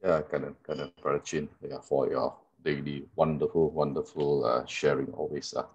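A very deep, mellow-voiced man hosts an online meeting over a video call. He talks briefly and passes the floor on, his voice slightly husky. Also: level tone, moderate pace, dull audio. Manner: brief, hands over to speakers. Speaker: session host.

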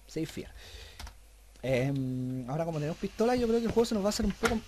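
High, swinging Chilean gamer yelling curses. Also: male voice, very animated, quick pace, background noise. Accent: Chilean Spanish. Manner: swears constantly, bursts into panicked yelling. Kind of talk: let's play commentary. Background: horror game music and sounds.

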